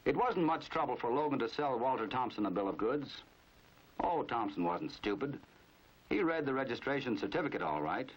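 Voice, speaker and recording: An American man narrates a 1950s crime training film, his mid-range voice very animated at a moderate pace. He tells the story in a knowing, dramatic way, wry and measured. The soundtrack is dull and band-limited, typical of 1950s film.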